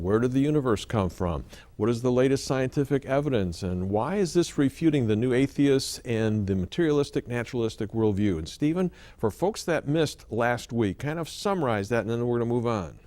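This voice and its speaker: A man's voice: mid-range voice, animated, brisk, darkish tone. A man hosting an interview program, posing direct questions and announcing what comes next. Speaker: host.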